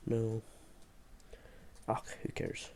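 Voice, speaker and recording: His voice is darkish and very slow as this man, who seems unwell, hesitantly talks through a game build in an informal video tutorial, reasoning as he goes. Clear background noise accompanies the clicking of his keyboard and mouse.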